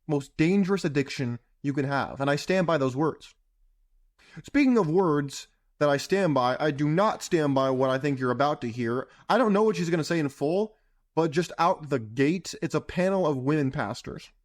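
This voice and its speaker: A man's voice: a little high, dry recording, studio quality. Blunt, sarcastic man commentating. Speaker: host and commentator. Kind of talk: reaction commentary.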